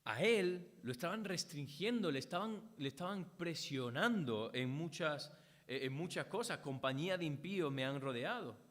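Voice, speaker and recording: A man's voice: a little high, lively intonation, normal speed, a bit bright. A man from Spain, with a Spanish accent, preaching a sermon in earnest tones, repeating phrases and quoting scripture. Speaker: pastor. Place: church hall. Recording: long church hall reverb.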